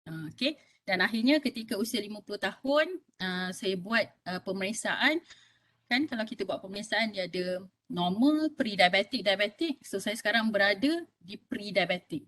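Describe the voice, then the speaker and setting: A Malaysian Malay-accented doctor in her fifties gives an audience a chatty health talk, checking in often with "okey?". She sounds animated and a bit bright, at medium pitch and normal speed.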